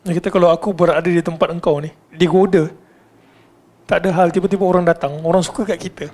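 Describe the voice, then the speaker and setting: A male religious lecturer with a Malaysian Malay accent, speaking in a slightly raised register. He tells a story with animated delivery and often pauses to put questions to his listeners. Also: high-pitched.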